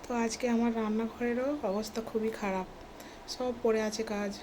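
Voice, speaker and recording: A woman in her thirties narrating a casual home vlog as a mother, chatty and full of fillers, often speaking softly indoors. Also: a little high, fairly even intonation, brisk. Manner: chatty, filler-heavy, talks softly at times so the baby keeps sleeping. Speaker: vlogger and mother. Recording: home recording with clear background noise.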